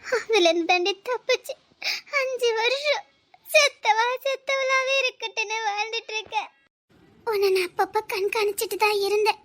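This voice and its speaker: A woman's voice: very high voice, normal speed, a bit bright. An actress playing a grieving young woman talking with her friend, with an emotional, tearful delivery. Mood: bitter. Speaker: actress in a family drama. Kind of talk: melodramatic dialogue scene.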